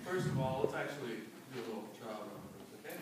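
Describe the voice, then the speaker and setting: A man's voice: mid-range voice, lively intonation, quick pace. A man doing live stage comedy patter as the straight man in a ventriloquist act. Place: large gymnasium hall, indoor stage. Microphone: distant audience camera. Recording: echoey gym, distant, noisy crowd.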